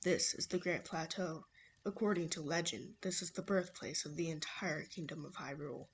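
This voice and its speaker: A woman's voice: low-pitched, moderate pace, a little hiss or hum, voice pushed down, lightly acted. A woman doing a stiff, formal impression of a lonely old hermit man with a dry sense of humor, reading game dialogue aloud. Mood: solemn.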